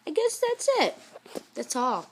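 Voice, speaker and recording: A woman's voice: high voice, huge pitch swings, measured pace. A woman chatting casually and informally to viewers in a rambling amateur vlog, on a homemade recording. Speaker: amateur vlogger. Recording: noisy home recording with clicks.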